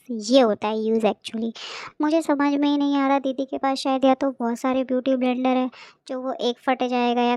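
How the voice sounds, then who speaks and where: Sarcastic young woman, high clear voice. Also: darkish tone, no room sound. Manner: sarcastic, exasperated storytelling. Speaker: beauty vlogger. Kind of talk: comic voice-over commentary.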